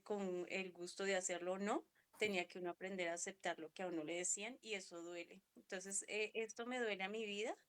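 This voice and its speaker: A middle-aged woman sharing a personal reflection in a women's Bible study, talking in an emotional, halting way with frequent restarts. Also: mid-range voice, a bit bright, clean tone. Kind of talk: personal reflection in a group discussion.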